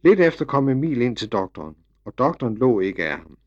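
A man narrating a children's storybook with lively, expressive storytelling. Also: mid-range voice. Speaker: audiobook narrator. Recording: slightly dull recording.

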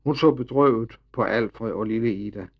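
A man narrating a children's storybook with lively, expressive storytelling. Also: medium pitch. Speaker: audiobook narrator. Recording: slightly dull recording.

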